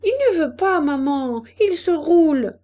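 A woman's voice: high voice, a little slow, warm tone, voice pushed up. A woman reading aloud, voicing a prim little girl who answers defensively and tattles. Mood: tattling.

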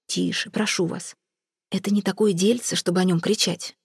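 A woman voicing a reserved young male aristocrat officer in an audiobook, speaking in a cold, measured way. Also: on the low side, steady tone, creaky, husky, no room sound, clean studio sound, heavily acted. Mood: confiding. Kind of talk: audiobook character reading.

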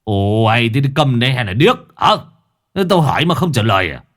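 A man voicing a gruff, hard-drinking old male exorcist who scolds and gives blunt orders. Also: deep voice, big pitch swings, fairly quick. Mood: scolding.

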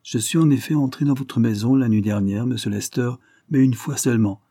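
A man reading a calm, proud young gentleman. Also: mid-range voice, no echo, studio quality, natural voice. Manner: calm, measured, dignified. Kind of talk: audiobook reading.

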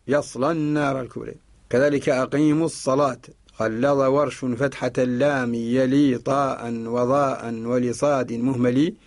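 A man with a Mauritanian Arabic accent, a sheikh giving a radio lesson on Quranic spelling, who quotes verses and repeats key words as he explains them. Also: medium pitch.

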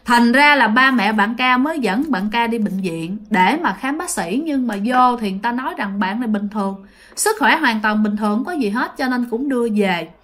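A woman's voice: on the high side, expressive, moderate pace, fairly bright tone. A woman, hosting a channel and telling a ghost story in a chatty, casual way, often addressing her listeners. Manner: chatty, addresses listeners directly, many fillers.

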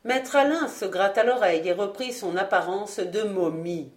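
Woman reading an old novel aloud, calm and measured, mid pitch. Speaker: audiobook reader. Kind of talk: scripted narration.

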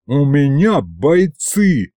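A man's voice: on the high side, very animated, very slow, mellow, dry recording, studio quality, voice pushed up, full character voice. Man doing slangy little imp crook. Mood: cocky. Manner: gangster slang, cocky. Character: slangy male imp, small horned streetwise crook.

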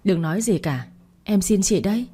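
A woman reading the lines of a heartbroken pregnant young wife in a storybook, speaking in a quiet, bitter and resigned way. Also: medium pitch, lively intonation, moderate pace, husky. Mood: grieving.

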